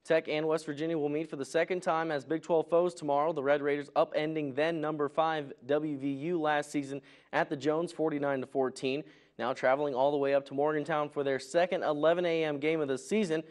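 Male sports news reporter and anchor, voice a little high, scripted TV highlight delivery. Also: little pitch movement, fairly quick.

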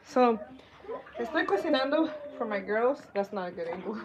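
A woman's voice: a little high, lively intonation, a little slow, background noise. A woman hosting a casual live chat while cooking breakfast in her kitchen, chatty and self-deprecating, a little nervous, greeting viewers by name. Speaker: livestream host. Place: home kitchen. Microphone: phone on a tripod.

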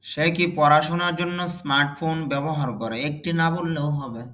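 A man with a Bangladeshi accent teaching a spoken English lesson, saying each English example sentence slowly and loudly, then explaining it more quietly. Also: fairly high pitch.

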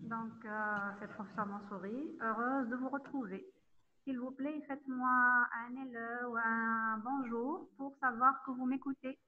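A woman's voice: a little high, fairly even intonation. Hesitant woman lecturer over a tinny line. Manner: halting, many fillers, checks in with students. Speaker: university lecturer. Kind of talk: online lecture.

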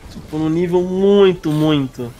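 A man's voice: a little high, a little slow, dark tone, lo-fi sound, a little hiss or hum. A man with a Brazilian accent chatting casually on a game stream, mildly protesting and self-deprecating. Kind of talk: casual chat on a gaming stream. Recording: music playing behind. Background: music.

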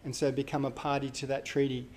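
A man's voice: medium pitch, little pitch movement, quick pace, a little mellow, a little hiss or hum. A man giving a live university lecture, talking casually with fillers and self-corrections. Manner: conversational, thinks aloud with fillers and self-corrections.

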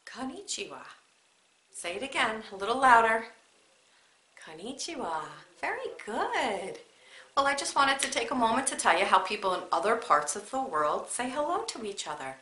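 A young woman leads a children's story time with a bright, clear voice, pitching her words in a lively sing-song. She speaks slowly and encouragingly, as if to small children. The room around her has a noticeable echo. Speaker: children's librarian. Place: library room. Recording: echoey room.

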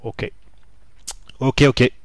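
A young man giving casual gameplay commentary, informal, repeating himself and searching for words. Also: extremely slow. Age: young adult. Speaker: let's play YouTuber.

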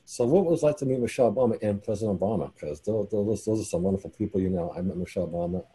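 Man, show host, from Boston, rapid, rough raspy voice, stumbling over repeated words, webcam call. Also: lowish voice, expressive, mellow. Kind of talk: casual interview. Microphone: video call webcam.

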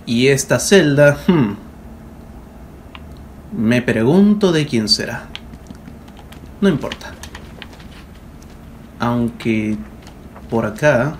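A man's voice: mid-range voice, lively intonation, extremely slow, pauses often, a little hiss or hum. A man giving casual let's play commentary, informal and often talking to himself or reading aloud. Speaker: gaming video host. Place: indoor voice-over on game footage.

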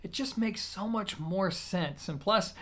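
This host's voice is high and fairly bright, and he takes an unhurried pace. Reviewing audio gear to camera, he explains things casually and methodically, like a conversation, from a small indoor room with plain walls.

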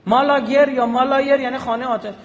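A man giving an animated public lecture, often checking with his audience through quick rhetorical questions. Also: extremely high pitch, dull audio. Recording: echoey hall with long reverb.

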